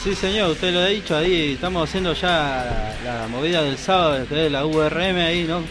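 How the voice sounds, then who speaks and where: A man's voice: fairly high pitch, brisk, music in the background. A man with a Rioplatense Spanish accent co-hosting a casual radio show in a studio, joking and tacking tag questions onto his sentences. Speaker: radio co-host.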